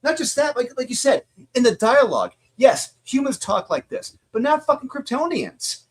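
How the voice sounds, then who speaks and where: A man's voice: very high-pitched, sing-song, normal speed, husky. A man co-hosting a casual comic review chat, heated and ranting, swearing freely.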